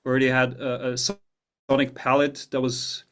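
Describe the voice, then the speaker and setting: A man's voice: medium pitch, monotone, normal speed. A man from Germany who works as a film composer, answering interview questions thoughtfully and often repeating words as he searches for phrasing.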